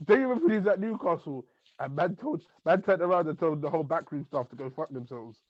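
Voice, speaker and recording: A man's voice: a little high, a little fast, dry recording. A man hosting a podcast, chatting casually in slang and acting out quotes. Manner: animated, slangy, acts out quotes. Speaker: podcast host. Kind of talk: casual chat. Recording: muffled dry podcast audio.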